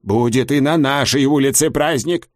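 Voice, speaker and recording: A man's voice: medium pitch, normal speed, dry recording, clean studio sound, voice pushed up, natural voice. A man voicing a scheming female spirit of misfortune who speaks in a raised, emphatic voice, in an audiobook. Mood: cajoling.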